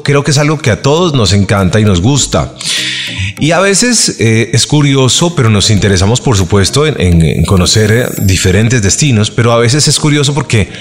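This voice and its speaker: A man hosting a travel podcast interview, talking thoughtfully and pausing with filler sounds while he searches for words. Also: medium pitch. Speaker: podcast host. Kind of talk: conversational interview.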